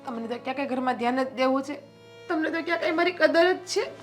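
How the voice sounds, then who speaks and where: Woman playing a scheming high-voiced sister-in-law. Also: fast, soft background music, natural voice. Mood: aggrieved. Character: scheming elder sister-in-law, manipulative wife. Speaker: actress. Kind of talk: family drama acting.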